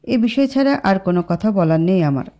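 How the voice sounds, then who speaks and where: A calm, caring young male friend from a spoken storybook, voiced by a woman. He reasons in a cool, even tone. The voice is mellow and dark. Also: medium pitch, brisk, lightly acted.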